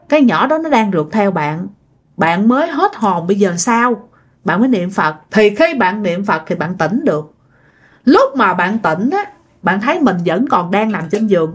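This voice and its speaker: A woman telling a ghost story in a chatty, animated way, speaking directly to her listeners. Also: mid-range voice, breathy edge. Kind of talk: casual ghost story narration.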